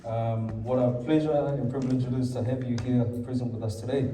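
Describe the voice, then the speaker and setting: In a church hall, a Samoan-accented man preaches a bilingual sermon, moving between Samoan and English and prompting the congregation to answer amen. His medium-pitched, mellow voice is fairly quick with fairly even intonation. It's recorded from a distance in the echoey church, with a little hiss or hum.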